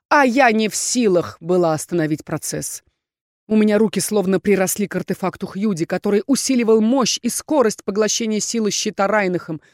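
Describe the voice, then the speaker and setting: A woman narrating a first-person fantasy audiobook in a measured, tense read. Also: medium pitch, a little mellow, dry recording, studio quality. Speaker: audiobook reader.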